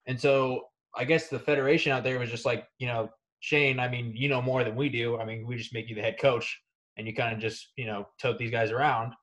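Poor audio captures a brisk, mid-range male voice belonging to a young Kansas City man who wrestles in college. Chatting in an interview, he is relaxed and rambling, often restarting and using lots of fillers.

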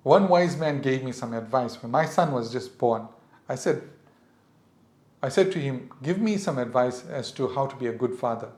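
Parents receive earnest guidance from a middle-aged podcast host whose South African English accent colors a reflective monologue. His mid-range voice has a darkish tone, he sounds animated at a moderate pace, and the audio is reverberant.

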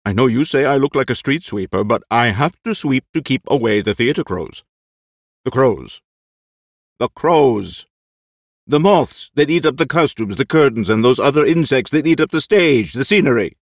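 A man's voice: mid-range voice, lively intonation, normal speed, dry recording, studio quality, pitched above the performer's own voice. A man performing a nervous, vain, aging Spanish stage actor who talks in theatrical, frantic outbursts. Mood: fussy.

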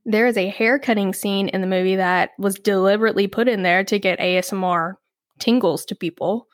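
A woman's voice: mid-range voice, steady tone, a little fast, dry recording. A woman co-hosting a podcast in casual chat, chatty and reading research notes aloud. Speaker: podcast co-host.

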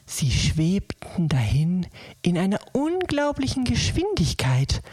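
Woman storyteller, bedtime story, breathy half-whisper, slow and lively in melody, dry close mic. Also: lowish voice, no echo. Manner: soft, slow, soothing.

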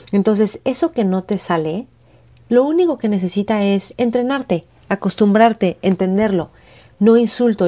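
A woman, hosting a motivational talk and acting out the inner voices she describes. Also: mid-range voice. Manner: expressive, acts out inner voices. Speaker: host.

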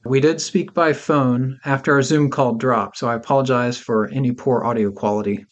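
A man hosting a podcast, reading a scripted introduction in a measured, informational way. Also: mid-range voice, fairly even intonation, muffled recording. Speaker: podcast host.

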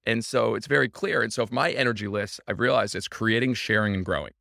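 A man's voice: lowish voice, fast talker, creaky, pushed and bright, no room sound, studio quality. A man being interviewed as a baseball team owner, telling his story with enthusiasm and emphasis. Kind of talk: energetic interview talk.

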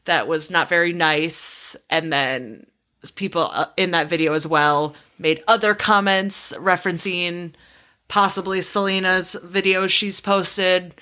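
Young woman cohosting a podcast, casual and sweary, pretty bright tone. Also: fairly low pitch, steady tone, measured pace. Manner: chatty, swears freely, laughs often. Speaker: podcast co-host. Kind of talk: casual chat.

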